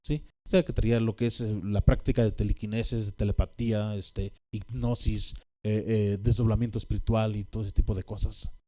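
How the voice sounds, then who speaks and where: A man's voice: lowish voice, fairly even intonation, brisk, warm tone. A man with a Mexican accent telling a personal testimony, rambling with fillers and tag questions. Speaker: speaker giving a personal testimony.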